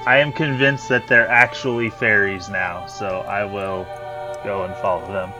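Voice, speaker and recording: Male player, very slow and dry delivery. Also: lowish voice, fairly even intonation, music in the background. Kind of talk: tabletop role-play.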